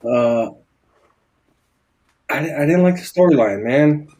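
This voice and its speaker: A man's voice: medium pitch, animated, measured pace, dark tone. A man as a guest on a casual podcast, speaking in a laid-back, blunt way and swearing casually. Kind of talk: casual chat.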